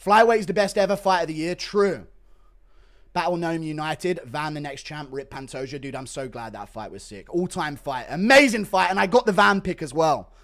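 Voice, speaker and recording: A man livestreaming live fight commentary and casual reactions, excitable and sweary, swinging between calm talk and shouting. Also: fairly high pitch, moderate pace.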